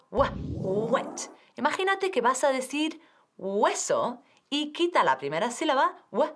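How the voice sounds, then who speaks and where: A woman with a Spanish accent teaching English on TV, speaking slowly and clearly and drilling words. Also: sits high, fairly bright tone. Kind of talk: TV English lesson.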